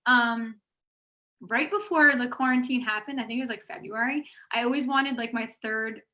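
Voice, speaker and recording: Bright, high-voiced chatty woman. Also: moderate pace. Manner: bubbly, chatty with many likes and laughs. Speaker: guest. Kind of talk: casual chat.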